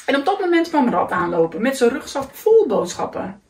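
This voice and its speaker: A woman's voice: high-pitched, big pitch swings, normal speed, a little mellow, reverberant, distant mic, slight background noise. A woman reading a children's picture book aloud, telling the story expressively and voicing the characters.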